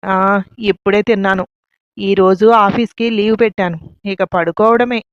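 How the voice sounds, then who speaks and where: A woman voicing a heartbroken young wife, weary and quietly defiant. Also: medium pitch, fairly even intonation, moderate pace, no echo, lightly acted. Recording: dull lo-fi, dry.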